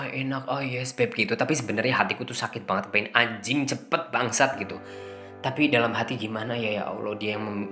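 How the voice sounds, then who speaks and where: A man from Indonesia tells a personal story in a candid, halting way, full of fillers and restarts. His voice sits at an ordinary middle pitch. It was recorded in an echoey room with music playing clearly underneath. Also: fairly bright tone. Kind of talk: personal confession narration.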